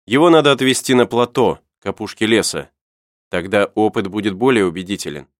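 Storybook engineer, measured and sure, low voice, read by a man. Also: dry recording, studio quality, close to an everyday voice. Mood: steady.

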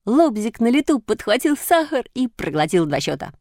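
A woman's voice: fairly high pitch, sing-song, moderate pace, darkish tone, no room sound. A woman reads a storybook aloud, her voice rising and falling expressively with every turn of the tale. The sound is dry and close, with no room around it. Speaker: reader. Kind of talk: storybook reading.

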